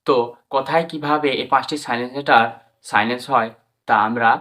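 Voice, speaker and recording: A man with a Bengali accent gives an English pronunciation lesson in a bright, forward voice. He spells each word letter by letter and repeats it slowly for learners. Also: mid-range voice, steady tone.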